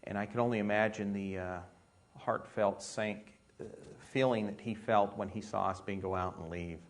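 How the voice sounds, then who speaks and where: An American military pilot shares stories informally, his lowish voice fairly even in intonation as he speaks haltingly and conversationally, adding many asides.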